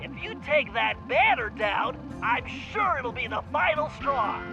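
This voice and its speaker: A nerdy, eager turtle planner briefs his partner with puns in a game cutscene. His voice is very high. Game music plays underneath. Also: lively intonation, unhurried, creaky, lo-fi sound, exaggerated voice. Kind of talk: video game cutscene acting.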